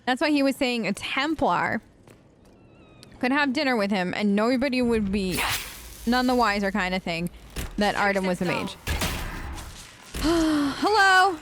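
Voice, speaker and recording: A woman hosting a let's play, giving chatty, excitable commentary while she plays and yelping when startled. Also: mid-range voice, a little slow, pauses often, noisy background. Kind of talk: gameplay commentary. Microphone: headphones with mic.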